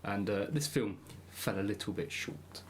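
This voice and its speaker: A man's voice: on the low side, normal speed, slight background noise. A man guesting on a casual film podcast, telling stories with wry, dry humour. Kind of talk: casual film review chat.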